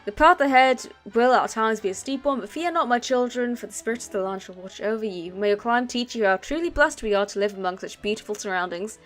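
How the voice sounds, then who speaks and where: A woman's voice: fairly high pitch, brisk, few pauses, soft background music, close to an everyday voice. A woman reading out a village priest's blessing in a fantasy game. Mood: solemn. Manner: read aloud from on-screen text.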